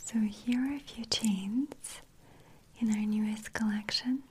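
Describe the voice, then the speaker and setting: Slow whispering woman, ASMR shopkeeper. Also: mid-range voice, a little hiss or hum. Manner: soft unvoiced whisper, unhurried sales talk.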